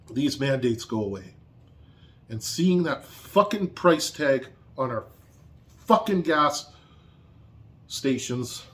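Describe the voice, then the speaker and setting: A man angrily ranting in a vlog, swearing constantly and repeating points for emphasis. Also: a little high. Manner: angry, profane, heated. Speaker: vlogger.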